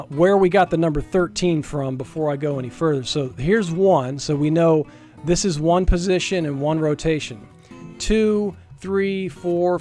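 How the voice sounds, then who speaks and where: A man with a fairly high, slightly mellow voice narrates an informal screen-share programming demo indoors as a software developer. He explains things step by step in a casual way and stresses the key points, with guitar music playing behind him.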